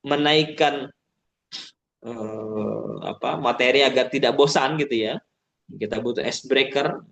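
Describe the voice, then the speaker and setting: A man giving a casual public speaking webinar, explaining step by step and often ending sentences with a filler. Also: medium pitch. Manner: acts out shouting teachers and chirpy call-and-response. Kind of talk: webinar talk.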